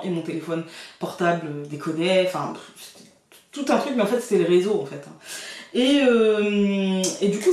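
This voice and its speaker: A woman's voice: fairly low pitch, darkish tone. A woman vlogger telling a story in a chatty, colloquial way, laughing often. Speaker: card reader and vlogger. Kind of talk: casual storytelling to camera. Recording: very echoey room, far from the mic.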